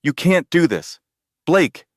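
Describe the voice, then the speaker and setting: A man voicing a desperate, pleading young pregnant wife in a dramatic storybook narration, his pitch lifted high as she begs and cries out. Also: expressive, moderate pace, no echo, clean studio sound, natural voice. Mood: screaming. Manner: pleading, rising to screams.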